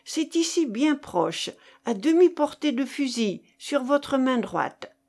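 A man's voice: very high voice, very animated, slow pace, a little mellow, heavily acted. A woman reading aloud, voicing a male hunting guard who speaks respectfully and plainly to a prince. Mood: deferential.

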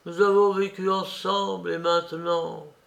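A man's voice: sits high, flat delivery, measured pace, creaky, a bit bright, voice pushed up, full character voice. A man voicing a sad young woman prisoner, sorrowful and subdued, in an audiobook.

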